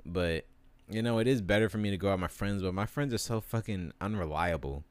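Young male vlogger, deep voice, crude and rambling exasperated rant, dry close recording. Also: a little fast, smooth, no room sound. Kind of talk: profane comedic rant to camera.

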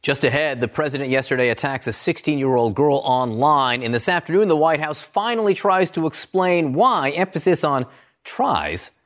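A man's voice: on the high side, fairly quick, few pauses, fairly bright tone. A man anchoring a cable news program, interviewing a reporter and delivering pointed, indignant commentary in a studio.

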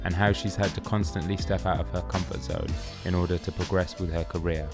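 A man's voice: low voice, steady tone, fairly quick, music in the background. A man hosting a podcast, reading a scripted introduction and then chatting with his guest in an easygoing way. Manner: easygoing, short affirmations. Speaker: podcast host.

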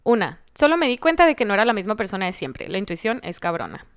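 A woman with a crisp, smooth voice and very lively intonation chats as a podcast co-host. She banters casually, mostly in Spanish, dropping in English phrases. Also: medium pitch, fast talker.

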